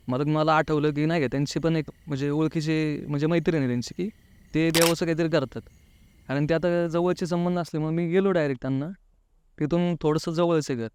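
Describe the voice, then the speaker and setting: Smooth-voiced man telling a personal story. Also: on the high side, a little mellow, dry recording. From Pune, India. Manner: talkative, keeps adding the filler "नाही का"; often acts out quoted dialogue. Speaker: guest recounting a personal experience. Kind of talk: casual interview storytelling.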